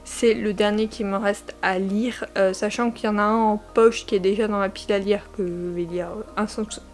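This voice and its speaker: A woman's voice: medium pitch, fairly even intonation, moderate pace, faint music behind. A young woman talking casually about books she plans to read and reading their summaries aloud, with many fillers and restarts. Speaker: book vlogger.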